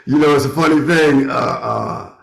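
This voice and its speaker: A man's voice: medium pitch, moderate pace, vocal fry. A middle-aged man chatting casually from a home studio, circling back and repeating phrases as he reasons. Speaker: musician, guest. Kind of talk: casual chat. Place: bedroom turned home studio. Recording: roomy, echoing internet call audio.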